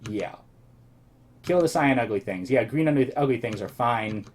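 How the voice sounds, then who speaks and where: A man's voice: mid-range voice, animated, normal speed, a little hiss or hum. A man casually commenting on his own gameplay as host, thinking aloud and rambling, his voice a little worn. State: slightly losing his voice. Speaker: let's play host.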